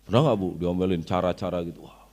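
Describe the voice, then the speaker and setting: A man's voice: sits low, fast, a little mellow. A man from Indonesia giving a religious study lecture. He explains his points, recites Arabic verses and asks the audience questions. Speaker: Islamic preacher. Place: weekly study gathering.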